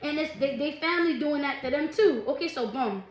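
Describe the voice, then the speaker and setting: A woman doing a casual tarot reading, chatty and quick to laugh, who calls her listeners "collective" and "baby". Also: sits high. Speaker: tarot reader. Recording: echoey room, faint noise.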